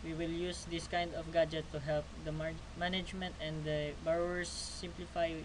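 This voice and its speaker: A twenty-two-year-old Filipino student presents a class project in a slightly high voice with a level tone at normal speed. He reads stiffly and repeats phrases, and noticeable background noise can be heard.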